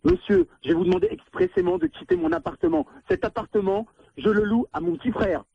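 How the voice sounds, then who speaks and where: Over a muffled, dry phone line with no echo, a pranked landlord furiously tells the caller to get out, saying it again and again. He talks fast in a very high, gravelly voice that swings widely in pitch.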